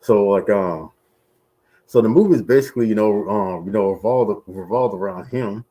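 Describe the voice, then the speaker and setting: A man's voice: fairly low pitch, moderate pace, dark tone, rough recording. A man streaming a casual movie review, talking through a face mask that muffles his voice, rambling with many fillers. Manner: rambling, heavy use of fillers like "you know" and "right here".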